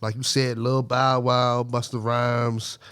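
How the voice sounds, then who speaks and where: A man's voice: medium pitch, level tone, slow pace, a bit bright, smooth, no room sound. A man co-hosting a podcast, weighing his words with fillers before pressing his point. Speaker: podcast co-host. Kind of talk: casual debate.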